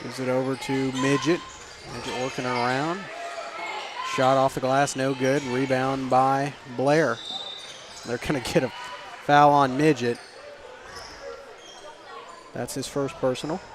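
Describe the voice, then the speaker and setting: A man's voice: mid-range voice, flat delivery, a little slow, pauses often, noisy background. Tired man calling a basketball game. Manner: tired, yawning, chatty asides. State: sleepy. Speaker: play-by-play announcer. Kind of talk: casual sports commentary. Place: school gymnasium.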